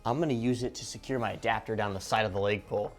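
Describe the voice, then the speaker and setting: A man's voice: fairly low pitch, very fast, soft background music. A man giving a casual hands-on unboxing and review narration as a video host.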